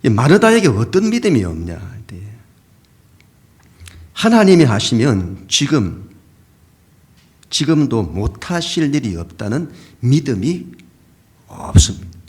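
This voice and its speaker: A man's voice: medium pitch, very animated, unhurried, pauses often. A male pastor giving a Sunday sermon, acting out mocking voices in a dramatic way. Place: church sanctuary.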